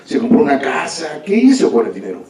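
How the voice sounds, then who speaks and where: A man's voice: on the high side, huge pitch swings, fairly quick, a crowd in the background. A man voicing an exasperated, angry king in a spoken story, with raised, indignant questions. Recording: echoey hall from far off.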